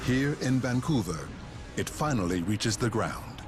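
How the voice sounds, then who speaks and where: A man's voice: medium pitch, lively intonation, measured pace. A man narrating a nature documentary from a script, with dramatic storytelling delivery. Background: music under the voice.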